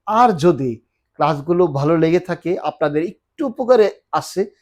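Slow-paced man teaching Spanish verbs. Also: on the high side, animated, a little mellow. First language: Bengali. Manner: slow, repetitive drilling of verb forms. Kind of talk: online language lesson.

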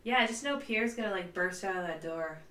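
A woman playing a video game and chatting casually at home, with quick asides and frequent laughs. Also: on the low side, pushed and bright, roomy sound, recorded from a distance, slight background noise. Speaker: let's play player. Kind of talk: casual gameplay commentary. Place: home room with a cat.

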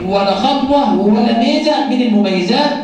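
A man with an Egyptian accent teaching a phonics lesson, asking rhetorical questions in a sing-song, drawn-out way. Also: very high voice, a little mellow. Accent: Egyptian Arabic. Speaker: teacher trainer. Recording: very echoey room, distant mic.

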